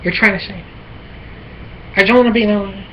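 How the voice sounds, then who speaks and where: An American woman talking alone in a halting, repetitive, rambling way, with many fillers and restarts. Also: medium pitch, steady tone, fairly bright tone. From United States. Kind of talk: rambling solo monologue. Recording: muffled lo-fi with faint noise.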